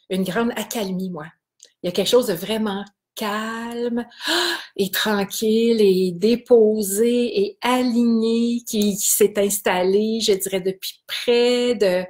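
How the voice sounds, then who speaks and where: A woman with a Québécois accent hosting a wellness live stream from her computer, greeting viewers by name in a chatty way with many hesitations. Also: medium pitch. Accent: Québécois French. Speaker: kinesiology wellness host.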